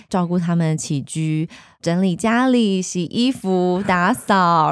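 A woman in her thirties with a Taiwanese Mandarin accent, a guest candidly telling her life story in a lively, animated way. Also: lowish voice, clean tone, dry recording, clean studio sound.

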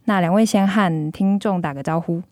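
A woman's voice: fairly low pitch, moderate pace, a little mellow, no echo, studio quality. A woman with a Taiwanese accent hosts a podcast as a journalist, speaking through a face mask. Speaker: magazine journalist hosting a podcast. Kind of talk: podcast hosting, semi-scripted narration and discussion.

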